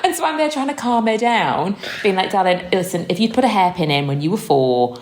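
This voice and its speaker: A woman's voice: mid-range voice, expressive, fairly quick, darkish tone. Chatty woman in an echoey room. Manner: chatty, self-mocking, laughs often. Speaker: podcast host. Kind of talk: casual comedic chat.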